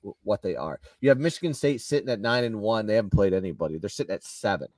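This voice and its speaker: A man's voice: lowish voice, expressive, fast talker, a little mellow, no echo, recorded from a distance. A man co-hosting a podcast, giving opinionated, rambling takes in casual sports chat. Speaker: podcast co-host.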